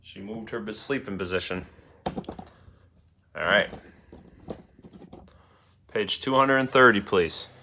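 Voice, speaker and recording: A man's voice: fairly low pitch, slow pace, long pauses, sharp tone, slight background noise. A man teaching a class, reading a story aloud and urging students by name to keep up. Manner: coaxing students to keep up, calling names.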